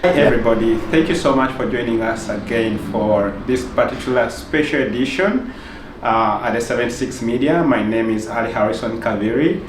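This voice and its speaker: A man's voice: medium pitch, brisk, roomy sound, far from the mic, noisy background. A man hosting a news channel interview on set, talking effusively with many fillers and hesitations. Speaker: interview host. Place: studio set with roomy sound.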